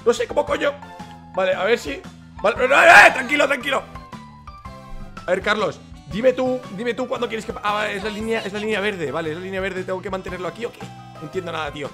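Young man, high voice, excitable gameplay commentary over music, swears a lot. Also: fast. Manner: excitable, joking, swears often. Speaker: gaming youtuber.

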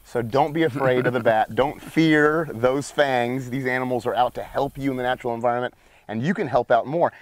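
A man, hosting a wildlife show outdoors by a cave, presenting with excited, emphatic showmanship on a lapel mic. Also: medium pitch, brisk. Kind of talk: enthusiastic outdoor nature presenting. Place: outdoors by a cave in open country.

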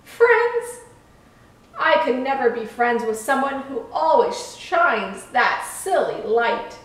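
A woman's voice: on the high side, expressive, slow. A woman voicing a sneering mean speedboat. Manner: sneering and rude. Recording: echoey room from far off.

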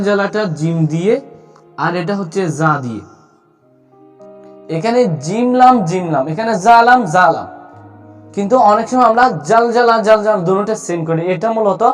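A man teaching correct Quran recitation, explaining slowly and repeating letter sounds as a drill. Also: high voice. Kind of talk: spoken tutorial.

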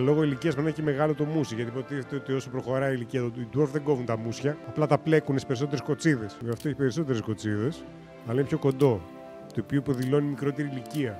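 A man streaming a game, chatting casually as he thinks aloud, running through options and cracking jokes. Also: medium pitch. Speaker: gaming streamer. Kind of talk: casual let's-play commentary.

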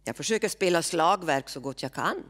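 A woman's voice: lowish voice, expressive, fairly bright tone. A woman voicing a big, strong teenage boy who speaks plainly, in a literary reading. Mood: blunt.

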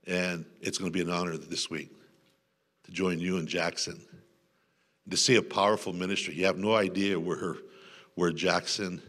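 Guy preaching in church, bright forceful voice, keeps clearing his throat, gets the crowd shouting back. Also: low-pitched, level tone, moderate pace, long pauses. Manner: shouts congregation call-and-response. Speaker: guest pastor. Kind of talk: sermon. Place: church sanctuary.

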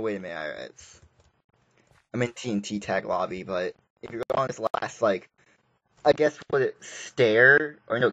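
A man's voice: on the low side, sharp tone, no room sound, low-quality recording. Rambling jokey man on gameplay commentary. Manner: rambling, jokey, exclaims often. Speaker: gaming YouTuber.

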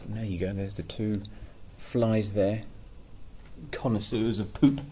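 A man in his thirties reads a picture book slowly and expressively, his voice on the low side, steady and dark in tone. He fills the gaps between passages with playful, chatty asides. It's a clearly noisy recording from a small, plain, office-like indoor room.

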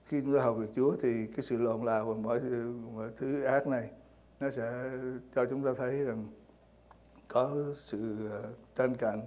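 A man preaches to his congregation in a mellow, warm voice, pausing often on fillers and repeating words as he searches for the next phrase. His delivery is unhurried and plain, the pitch sitting in an ordinary middle range. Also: steady tone. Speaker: pastor. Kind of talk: sermon. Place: church.

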